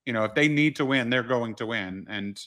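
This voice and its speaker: A man's voice: mid-range voice, brisk, bright, forceful tone. A man co-hosting a sports podcast as a writer, chatting casually and saying "you know" often.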